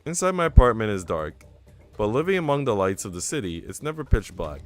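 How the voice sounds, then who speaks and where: A man with a fairly low, sing-song voice, speaking a little fast, reads a visual novel aloud in the role of an earnest, self-doubting young woman who hosts a radio show and is in love. He sounds self-critical and uneasy, with music playing behind his voice.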